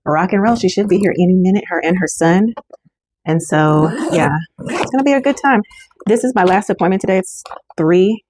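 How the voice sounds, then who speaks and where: A woman speaks in a casual, effusive vlog style straight to her viewers. Her voice sits a little low. Clear background noise runs under the recording. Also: a little mellow. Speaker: notary vlogger. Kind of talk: casual vlog talk to camera. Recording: noisy background.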